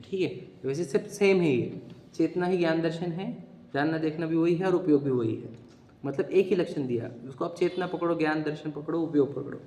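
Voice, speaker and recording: A man's voice: fairly high pitch, moderate pace, mellow. A man teaching a philosophy class, quizzing students and asking again and again whether they understood. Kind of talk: interactive religious philosophy class. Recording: echoey hall.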